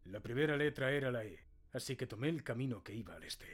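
A man's voice: medium pitch, animated, fast talker, husky. A man voicing a sarcastic adult male agent who narrates his own adventure in a video game, with dry, mocking asides. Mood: wry.

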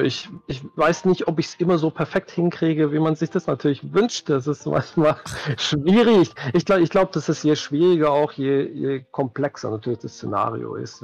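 Speaking from home on a video call, this man in his forties, a game master, gives casual interview answers, mulling things over aloud and repeating words as he hunts for the right ones. His voice is a little high and gravelly, the sound is lo-fi, and music plays in the background.

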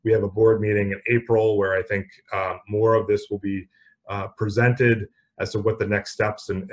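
A man giving town hall remarks in a halting way, often repeating words and restarting sentences. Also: on the low side. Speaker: executive director.

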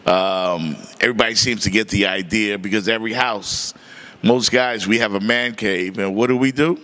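A middle-aged man, a sports reporter, talking in a casual interview with an easygoing, chuckling manner and drawn-out fillers, into a handheld mic. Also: lowish voice, fairly even intonation, a bit bright. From Miami, family from the Bahamas. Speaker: sports reporter and podcast host. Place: bright indoor room by large windows.

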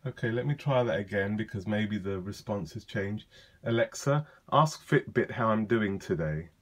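This is a man with a fairly low voice, filming a casual tech demo. He talks in a loose, conversational way, pausing with frequent uhs and ums as he thinks. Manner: relaxed, chatty, many ums and uhs. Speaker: tech vlogger demonstrating a device.

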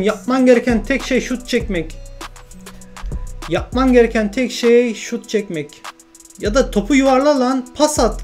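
A young man commentating his own football video game play, shouting at teammates between frustrated and joking remarks. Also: very high voice. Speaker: gaming YouTuber.

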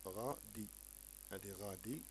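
A man's voice: fairly low pitch, a little mellow, poor audio. Male tutor with an Algerian accent, patient and repetitive, breaking words into letters, faint music behind. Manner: patient, repeats words slowly and sounds out letters. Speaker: teacher. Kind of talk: explaining a French textbook lesson in Arabic.

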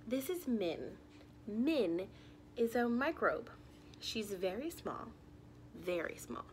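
A young woman reads a children's story aloud in her living room, full of expression and addressing small listeners with direct questions. Her fairly high voice is very animated, and she keeps a slow pace. Slight background noise can be heard.

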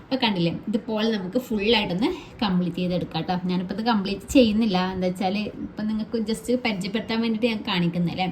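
A woman's voice: medium pitch, racing, darkish tone, a little hiss or hum. A woman teaching a fabric painting class in a chatty, reassuring way, often adding little tag words. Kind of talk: casual how-to tutorial.

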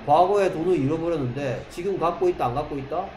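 A man teaching an English grammar lesson in a classroom, quizzing students with constant questions and reading English examples slowly, word by word. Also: on the high side, darkish tone. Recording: echoey classroom with faint noise.

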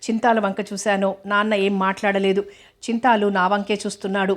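A woman reading a novel aloud as an audiobook narrator, in a steady, even storytelling read. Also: medium pitch, fairly quick.

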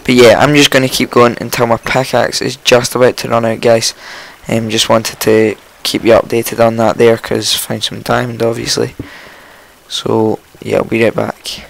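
A man with a croaky morning voice, casually commentating his own game, rambling and chatty with frequent ums and self-corrections. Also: mid-range voice, flat delivery, normal speed, poor audio. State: just woken up, morning voice. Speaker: let's play host.

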